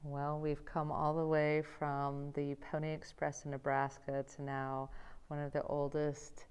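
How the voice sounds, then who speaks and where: A woman's voice: sits low, completely flat delivery, unhurried, a little mellow, clear, resonant tone, rough recording. A middle-aged American woman vlogging a road trip, chatty and upbeat, laughing often. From United States. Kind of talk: casual travel vlog. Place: indoors in a small museum, talking quietly.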